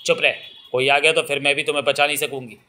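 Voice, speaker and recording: Male reader doing a stern, scolding older temple woman, bright and hard. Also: a little high, level tone, fast talker. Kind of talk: audiobook reading.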